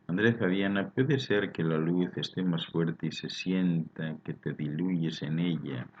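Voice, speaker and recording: A man with a Spain Spanish accent hosting a live spiritual talk, reading out viewers' chat questions and answering them in a calm, explanatory way, often ending points with a questioning tag. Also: sits low, husky, lo-fi sound.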